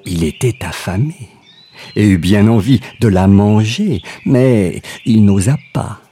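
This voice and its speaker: Slow, lively storybook narrator, a man. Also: fairly low pitch. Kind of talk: reading a fairy tale aloud. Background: soft music.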